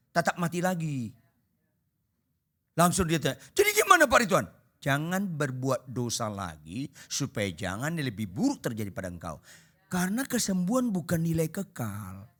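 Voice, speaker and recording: A man preaching to a congregation, animated and humorous, acting out conversations and swinging between shouts and half voice. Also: mid-range voice. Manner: animated, acts out dialogues, shouts and drops to half voice. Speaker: pastor. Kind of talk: humorous sermon. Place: church hall before a congregation.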